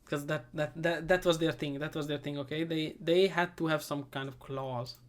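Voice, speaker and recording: A man giving a comedic movie recap, sarcastic and profane, rambling and often trailing off into quieter asides. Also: on the high side, steady tone, moderate pace. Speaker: movie reviewer.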